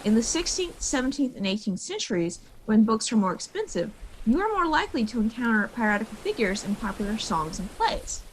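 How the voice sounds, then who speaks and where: A woman curator narrates a scripted tour of old collection items in a lively, bouncing voice. Her tone stays playful and she slips in jokey asides, over a faint hum of room noise. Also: fairly high pitch, fairly quick, few pauses, low-quality recording. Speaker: museum curator.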